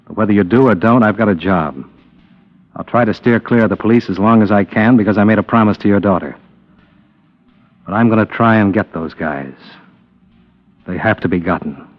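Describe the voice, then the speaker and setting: In an old radio drama, a male actor voices a tough, principled American insurance investigator, hard-boiled and resolute, with a terse, firm, wry delivery. His voice is lowish and the acting light, typical of 1940s-50s radio acting and narration. The recording is dull and old, with music behind it.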